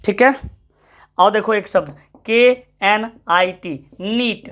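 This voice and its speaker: Teacher drilling word lists. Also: male voice, sits high, slow, sharp tone. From Bihar, India. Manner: drills words by repeating them, urges students on; addresses students as friends, gives pep talks. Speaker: English teacher. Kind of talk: online class lecture.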